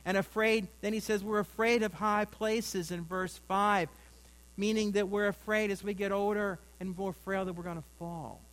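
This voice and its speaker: A man's voice: sits high, fairly even intonation, moderate pace, fairly bright tone, poor audio. A middle-aged man preaching a sermon in a folksy, rambling way, with asides to his congregation. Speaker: pastor.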